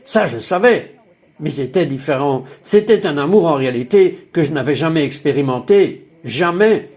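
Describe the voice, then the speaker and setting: A man's voice: a little high, expressive, normal speed, a little mellow. A man narrating a dubbed personal testimony in an emphatic, exclaiming way, full of wonder.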